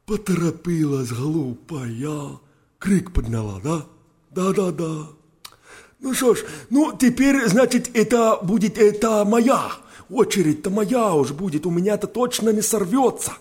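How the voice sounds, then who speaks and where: A man's voice: high voice, lively intonation, measured pace, darkish tone, voice pushed up. A man voicing a greedy male wolf in a storybook tale, mumbling and stammering. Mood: muttering. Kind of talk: storybook narration.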